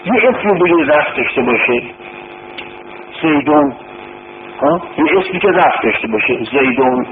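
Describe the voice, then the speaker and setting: A man's voice: a little high, animated, long pauses. A man tutoring Arabic grammar informally, patiently repeating terms and quizzing his student. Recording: tinny phone-like recording with background noise.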